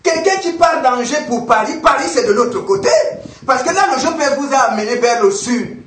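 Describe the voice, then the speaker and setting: A man's voice: extremely high pitch, animated, brisk, a bit bright. A man voicing a blunt, matter-of-fact middle-aged mechanic in the story he is preaching. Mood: brusque. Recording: echoey room, voice far from mic, faint noise.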